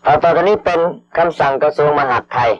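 A man slowly dictating official government orders over radio, formal and measured, repeating each phrase and reading out the punctuation. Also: fairly high pitch. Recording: dull lo-fi archival radio broadcast.

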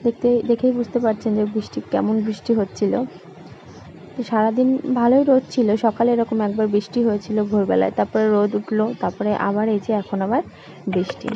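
A woman narrating her vlog in a quick, casual voice-over. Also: mid-range voice, level tone, gravelly. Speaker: vlogger. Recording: dull, slightly noisy voice-over.

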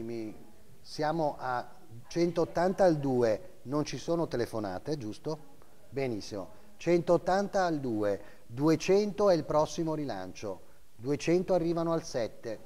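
A man's voice: on the high side, very animated, unhurried, mellow, long reverb tail. A middle-aged man working as an auctioneer, calling bids and lot numbers live in short clipped phrases, often repeating the figures. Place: auction house room, seated behind a desk, indoors.

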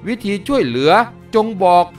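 A man's voice: moderate pace, darkish tone, faint music behind, lightly acted. Guy doing a nasty old villain in an audiobook, barks, sounds far from the mic. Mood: urgent. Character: cruel old male martial villain.

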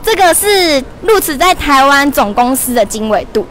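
A woman in her twenties hosting a lively livestream shopping promo in a mall store, chatty and laughing often. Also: high-pitched, normal speed. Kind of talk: lively live-stream product promo. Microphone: wired lapel mic held in hand.

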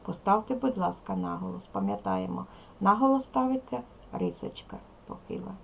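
A woman with a strongly gravelly, fry-heavy voice teaches a recorded lesson to young children. She speaks with a Ukrainian accent and explains each step slowly and deliberately. A faint hiss of noise sits under her voice. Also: mid-range voice, huge pitch swings. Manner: slow, careful, deliberate explanation to young pupils. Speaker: primary school teacher.

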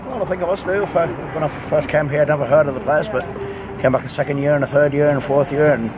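A man in his fifties from Northern Ireland, a street busker chatting casually outdoors at night, relaxed and repeating his phrases. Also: on the high side, quick pace, noisy background. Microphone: handheld camera close up. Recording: loud guitar and music around.

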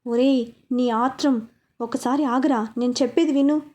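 A woman voicing a calm, reasoning middle-aged father in a story. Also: sits high, moderate pace, close to an everyday voice.

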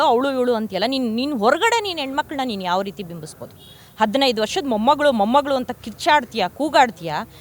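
A woman from Karnataka, speaking at a press conference and making fierce, repetitive accusations. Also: high voice. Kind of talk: angry press statement.

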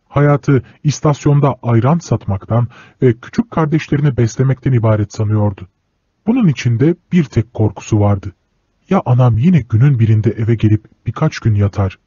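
A man narrating a literary audiobook in a steady, measured storytelling voice. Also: medium pitch, slightly rough, dry recording. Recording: dull lo-fi recording.

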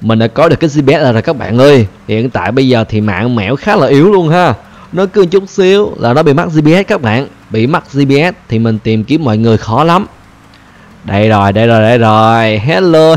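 A man with a Vietnamese accent hosting a gaming channel, talking excitedly and chattily to viewers over his gameplay, often repeating phrases. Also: fairly high pitch, brisk. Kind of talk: casual game commentary.

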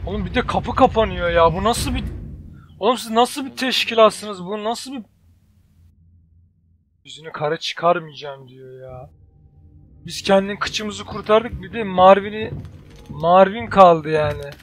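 A man from Turkey doing joking, excitable let's play commentary, yelling and swearing at the enemies on screen. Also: high-pitched, measured pace, long pauses, a little hiss or hum. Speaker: gaming channel host.

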